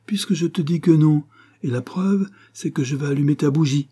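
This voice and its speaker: A man's voice: medium pitch, lively intonation, moderate pace, warm tone, slightly rough, voice pushed up. A man doing a honeyed, scheming swindler. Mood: coaxing. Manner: wheedling, mock-humble. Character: sly young male swindler, honeyed and coaxing.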